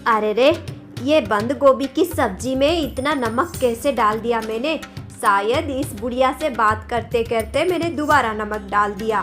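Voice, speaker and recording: A woman's voice: fairly high pitch, measured pace, a bit bright. Woman voicing a sassy cartoon daughter-in-law. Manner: sassy, mocking. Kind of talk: cartoon story voice acting. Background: background music.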